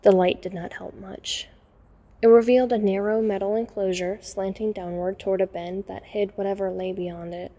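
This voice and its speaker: In a scripted audio drama, a woman narrates in first person as a watchful young woman recounting a night break-in, measured and suspenseful. Her medium-pitched voice is warm, steady, and natural, at a moderate pace.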